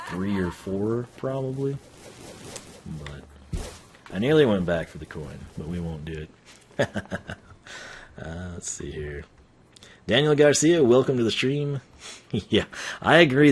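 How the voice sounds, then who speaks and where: A man's voice: on the low side, animated, measured pace, pauses often, slight background noise. A man giving casual, rambling live game commentary as a streamer, thinking aloud in slangy speech.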